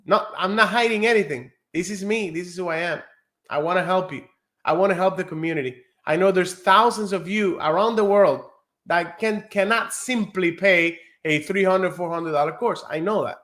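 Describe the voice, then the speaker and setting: A man from Cuba, teaching a live online nursing exam lesson in an earnest, encouraging way, slowing down to stress key words. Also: sits high, a bit bright.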